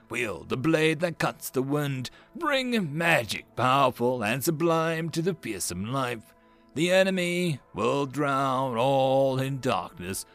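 A man's voice: fairly high pitch, fairly bright tone, heavily acted. A man declaiming as a regal elven queen. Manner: grand, declaiming speech with drawn-out words. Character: regal elven queen rallying her subjects to war.

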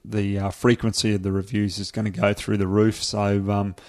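A man's voice: on the low side, little pitch movement, moderate pace, darkish tone. An Australian man being interviewed as a guest, chatting casually in a laid-back, blokey way with hesitant phrasing. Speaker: podcast guest, product reviewer.

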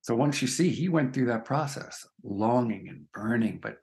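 A man's voice: medium pitch, animated, normal speed, darkish tone. A man speaking as a spiritual teacher in an interview, earnest and emphatic, often checking in with "right?". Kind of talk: reflective conversation.

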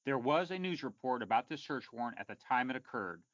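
A man delivers scripted true crime narration as the host, in a measured and formal reporting manner. His middle-pitched voice sits very dry and close. The recording is slightly dull on top. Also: lively intonation, fairly bright tone, no echo.

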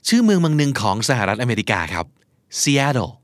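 A man hosting a podcast, teaching pronunciation by slowly repeating words and example sentences. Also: fairly high pitch, very animated, dry recording, studio quality. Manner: slow, clearly drilled word repetitions.

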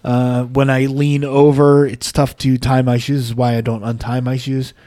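A man's voice: medium pitch, flat delivery, normal speed, warm tone, no echo, clean studio sound. A man co-hosting a podcast, telling long self-mocking anecdotes in a casual, chatty way. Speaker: podcast co-host. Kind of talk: casual chat, storytelling. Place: podcast studio. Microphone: podcast mic.

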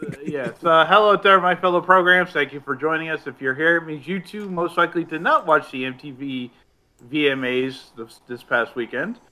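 Bright-voiced joking male podcast host. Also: fairly high pitch, moderate pace. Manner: joking, rambling, with many fillers. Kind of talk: casual chat. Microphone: online call microphone.

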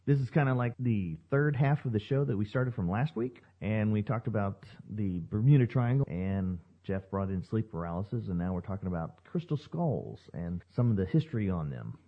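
A man's voice: on the low side, animated, moderate pace, few pauses. A man co-hosting a podcast, presenting segments and reading promos. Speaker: podcast co-host. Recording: narrow phone-like sound, music behind.

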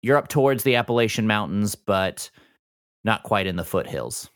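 A man acts as game master for a tabletop role-playing game. His voice sits a little low and moves with animated intonation. He describes places informally, as if chatting with the players, in a very dry recording. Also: moderate pace, no room sound. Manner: informal, conversational scene-setting.

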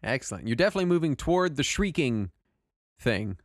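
A man's voice: mid-range voice, brisk, no room sound, studio quality. A man narrating a tabletop game as game master, often laughing and joking with a player. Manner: laughing, playful, lively.

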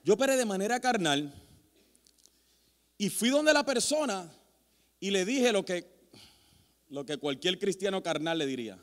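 A man preaching as a pastor, telling animated, self-mocking stories with many restarts. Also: sits high, a little slow, long pauses. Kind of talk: storytelling sermon. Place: church sanctuary. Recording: long hall reverb in a church.

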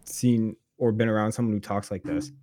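A man's voice: fairly low pitch, fairly even intonation, normal speed, warm tone, no room sound. A man co-hosting a sports podcast, joking around in easygoing casual chat. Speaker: podcast co-host. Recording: dry close mic.

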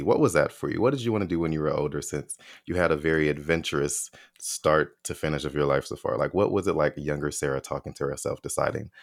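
A man's voice: rumbling low, gravelly, dry recording, studio quality. A man hosting a podcast interview, chatting enthusiastically with many fillers. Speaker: podcast host. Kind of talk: casual interview chat.

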